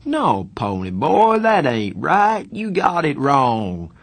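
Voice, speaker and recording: Man as tough older teen, protective, slangy, drawn-out forceful words, husky, storybook dialogue. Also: lowish voice. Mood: dumbfounded. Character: tough, protective older teenage boy, scolding and good-natured.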